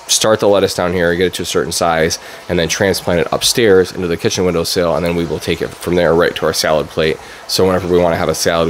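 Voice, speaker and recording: A man in his thirties giving a relaxed, chatty walkthrough as host of a DIY channel, with plenty of fillers. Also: sits low, slight background noise. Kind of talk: casual walkthrough vlog. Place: basement grow room under pink grow lights; garage workshop, indoors.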